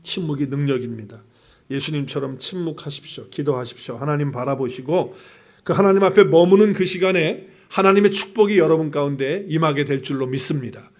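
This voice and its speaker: A man preaching a sermon with a fairly high voice. He swings between near-whispers and loud, insistent emphasis. He drives his points home with rhetorical questions. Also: fairly quick. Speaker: pastor.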